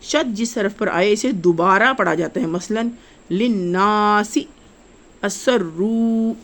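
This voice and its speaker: A woman, teaching children to read the Quran in a slow step-by-step lesson, repeating each rule and spelling out syllables with drawn-out vowels. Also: medium pitch, fairly bright tone.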